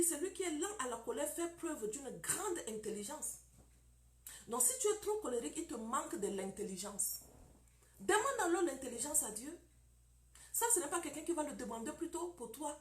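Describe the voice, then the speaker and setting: Animated high-voiced woman preaching. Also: reverberant. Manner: emphatic, with repeated phrases and rhetorical questions.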